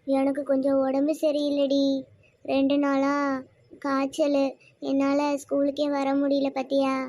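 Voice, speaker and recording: A humble, kind-hearted poor schoolgirl in a church kids' skit. She talks gently and pleadingly in a high voice with a dry, close sound. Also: monotone, measured pace, no echo.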